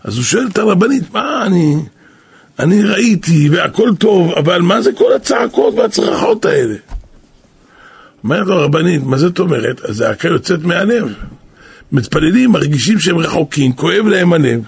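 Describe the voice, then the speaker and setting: A man who is a rabbi and kabbalist, giving a Torah sermon as a storyteller who breaks into shouts for emphasis. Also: high-pitched, big pitch swings, creaky, breathy edge.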